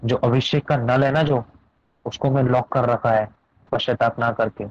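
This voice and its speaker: A man's voice: mid-range voice, fairly even intonation, normal speed. A male pastor telling a story in his sermon, preaching in an emphatic, repetitive way. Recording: dull lo-fi dry recording.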